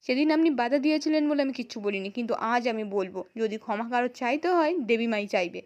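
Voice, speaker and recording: A woman's voice: on the high side, quick pace, darkish tone, dull audio, lightly acted. A woman with a West Bengal accent voicing a proud, bitter young wife who talks back indignantly. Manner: indignant, accusing.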